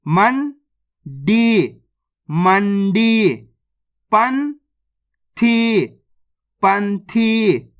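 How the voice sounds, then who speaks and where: A reading teacher who sounds out words syllable by syllable, then says each whole, and checks with viewers that it is clear. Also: medium pitch, animated, drawn-out words, pauses often. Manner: addresses viewers as friends, asks if it is clear. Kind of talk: slow word-by-word reading lesson.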